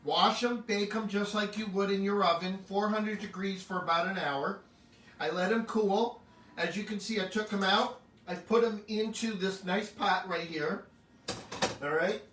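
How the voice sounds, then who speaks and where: A man's voice: high voice, unhurried, fairly bright tone, roomy sound, far from the mic. A man hosting a home cooking show, chatty and upbeat as he walks through a recipe and jokes with the camera operator. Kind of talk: casual cooking demonstration. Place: home kitchen.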